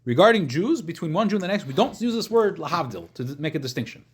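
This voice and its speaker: Here the rabbi's voice is fairly high and husky, moving fast with big swings in pitch. He leads an informal religious class, explaining by way of questions, frequently restating his points and using quick questions to check that listeners are following.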